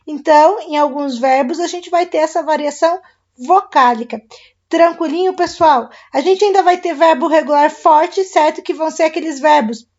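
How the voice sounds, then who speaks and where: A woman's voice: high voice, normal speed, darkish tone, lo-fi sound. A woman teacher with a Brazilian Portuguese accent giving a recorded online grammar lesson, explaining step by step and checking in with her students.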